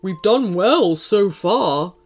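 A woman voicing a calm, patient male ice dragon in a storybook reading. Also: medium pitch, soft background music. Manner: measured and reassuring.

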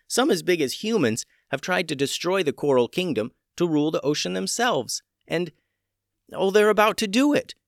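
A man's voice: fairly high pitch, no room sound, pitched above the performer's own voice. An urgent, determined young mermaid, as a storyteller puts her on, earnest and pressing. The voice rides well above his own and swings widely, heard close and dry.

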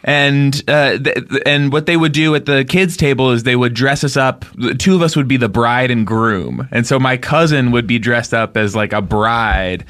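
Man, comedy podcast co-host, deadpan, stop-start delivery, mid-range voice. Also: mid-range voice, moderate pace, few pauses. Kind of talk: improvised comedy banter.

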